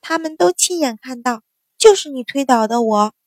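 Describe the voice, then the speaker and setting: A woman voicing a spoiled, bratty young girl who shouts and whines in a shrill, tearful voice. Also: animated, moderate pace, no echo. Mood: wailing. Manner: shrill crying tantrum voice.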